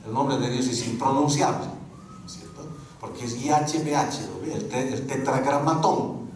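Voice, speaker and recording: A man teaching a Bible course, lecturing a class with lively rhetorical questions. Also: mid-range voice, moderate pace. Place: school classroom. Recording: very echoey room, mic far off, faint noise.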